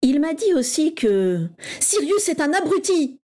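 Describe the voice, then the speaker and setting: A woman's voice: medium pitch, very slow, warm tone. Woman doing a timid, flustered young schoolboy. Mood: pleading. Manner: nervous, pleading.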